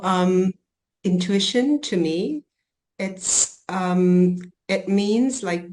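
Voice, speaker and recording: A woman who grew up in Germany talks through her work as a coach and healer in an interview. Her voice sits a little low for a woman. She speaks reflectively, pausing on ums and restarting phrases as she goes. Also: a little mellow. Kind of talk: podcast interview.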